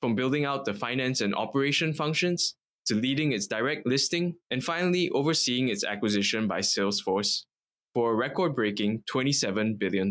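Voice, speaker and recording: A man's voice: mid-range voice, a bit bright. A man hosting a podcast interview in an office, introducing his guest with enthusiasm. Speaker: podcast host.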